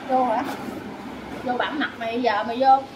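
A woman's voice: fairly high pitch, fairly even intonation, moderate pace, lo-fi sound, background noise. A drunk woman quarreling in slurred, heated speech, repeating herself and cursing. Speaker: drinking companion in a filmed drinking session. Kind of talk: casual quarrel.

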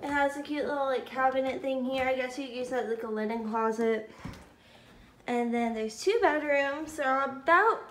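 A young woman in her twenties with a slightly high voice chats upbeat as she walks through a bare apartment with a phone camera. The empty rooms ring with echo, and a faint hiss sits underneath. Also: moderate pace, fairly bright tone. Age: 20s. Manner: chatty, upbeat, says "cute little" a lot. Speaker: vlogger. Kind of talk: casual house-tour vlog. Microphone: handheld phone camera.

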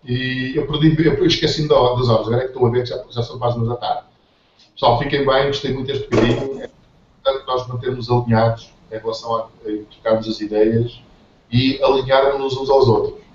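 A man's voice: medium pitch, fairly even intonation, fairly quick, a little hiss or hum. A man with a European Portuguese accent leading a group video call, speaking earnestly and often checking that his listeners follow along. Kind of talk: casual group call talk. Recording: very echoey, distant, dull video-call audio.

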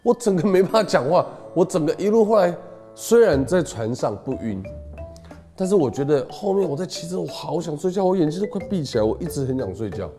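A middle-aged man in a casual interview, telling stories in an animated, complaining way. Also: fairly high pitch, brisk, faint music behind. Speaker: reality show participant. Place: indoor interview room, seated. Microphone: lapel mic.

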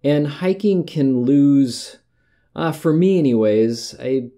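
A middle-aged American podcast host rambles casually about hiking, often correcting himself mid-sentence. His voice is a little high and dark in tone, animated yet slow.

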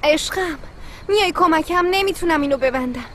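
A woman's voice: high-pitched, a bit bright, a little hiss or hum. A woman dubbing an eager, bubbly young bride.

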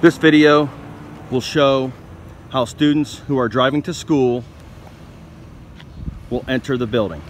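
A man's voice: mid-range voice, fairly even intonation, a little slow, pauses often, a little hiss or hum. A young man narrating a school news video as a scripted voice-over, reading instructions plainly and steadily. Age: young adult.

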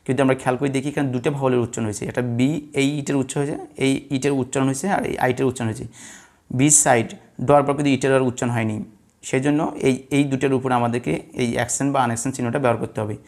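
A male teacher from Bangladesh gives a classroom-style lesson, asking his students questions and answering them himself. His voice has a gravelly, creaky edge at a middle pitch. He talks patiently and repeats each rule several times. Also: fairly even intonation, fast, darkish tone. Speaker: English teacher. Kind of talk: blackboard lesson explaining word stress.

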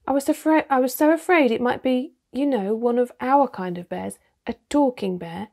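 A woman's voice: on the high side, lively intonation, normal speed, a little mellow. A woman reading a practical, cautious schoolgirl. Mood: anxious. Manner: practical, slightly worried. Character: sensible, cautious girl, older sister.

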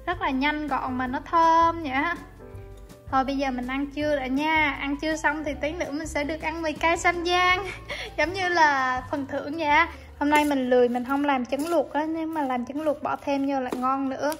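A woman's voice: high-pitched, steady tone, normal speed. A young woman, talking viewers through a recipe in a casual, chatty home-kitchen voice-over. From Vietnam. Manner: chatty, friendly step-by-step explaining. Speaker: cooking vlogger. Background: soft background music.

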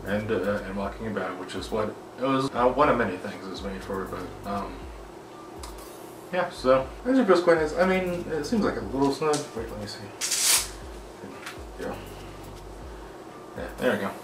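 A man with a fairly low voice speaks through a face mask, so his words come out muffled. He rambles casually with plenty of fillers as he reviews a product. He sits back from the mic in an echoey room with steady background noise. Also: normal speed, pauses often, recorded from a distance, over music.

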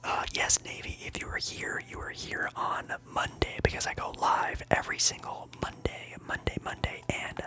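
Whispering through an ASMR livestream, this young adult host chats casually and answers live viewers, rambling with fillers and repeating trigger words. The voice is bright and forceful, moving at a moderate pace with few pauses.

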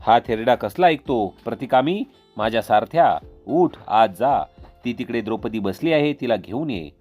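A man's voice: lowish voice, expressive, moderate pace, warm tone, soft background music, natural voice. A man voicing a harsh gloating prince. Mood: gloating, commanding. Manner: harsh, commanding, insulting. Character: arrogant gloating young prince, loud and harsh.

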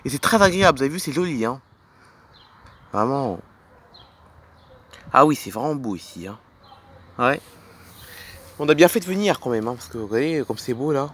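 A man's voice: mid-range voice, lively intonation, normal speed, pauses often, a bit bright, slightly rough. A man narrating a playful toy film as a dad, pointing things out to the kids with enthusiasm.

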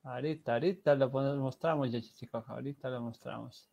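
A man's voice: medium pitch, fairly even intonation, fairly quick, creaky, dark tone, muffled recording. A man assisting in an online language class over a video call, making brief encouraging remarks to the students.

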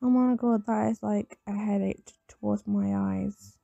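Sleepy, slightly raspy woman, just woken up. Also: mid-range voice, steady tone, measured pace, warm tone, no room sound, muffled recording, faint music behind. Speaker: gamer narrating gameplay. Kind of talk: casual gameplay commentary.

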